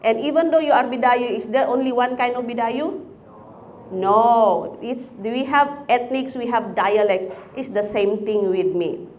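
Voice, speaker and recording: A woman's voice: fairly high pitch, measured pace, a little mellow. A woman from the Philippines giving a chaplaincy talk, chatty, asking the audience questions. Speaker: chaplaincy speaker.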